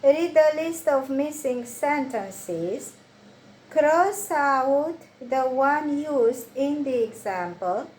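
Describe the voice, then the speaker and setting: An expressive, slightly mellow high voice belongs to a Romanian woman studying English, who reads textbook exercises slowly and deliberately before answering them. A roomy echo and faint hiss color the audio.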